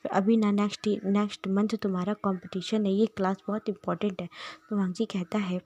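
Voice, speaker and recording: A woman's voice: medium pitch, flat delivery, brisk, warm tone. A woman casually retelling a fan-fiction romance, half-whispered, with frequent restarts. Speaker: storyteller.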